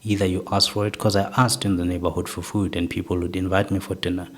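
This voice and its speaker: A soft-spoken young man from South Africa talks fast as he looks back on his life during an interview. His voice sits low and his tone stays level, and he tends to end his points with "right?".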